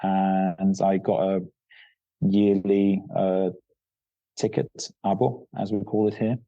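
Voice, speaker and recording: A middle-aged academic researcher, born in Croatia and raised near Vienna, Austria, answers podcast interview questions hesitantly with many fillers. His voice sits low and level, and he takes it slowly over a dull, dry, lo-fi remote line with no echo.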